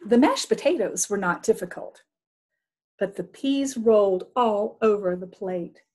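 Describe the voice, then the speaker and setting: With a medium-pitched voice and an unhurried pace, a woman tells the story of a children's picture book in an expressive read-aloud.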